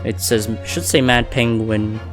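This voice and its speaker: A man's voice: medium pitch, steady tone, a little slow, over music. A man chatting casually as he streams a video game. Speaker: live streamer.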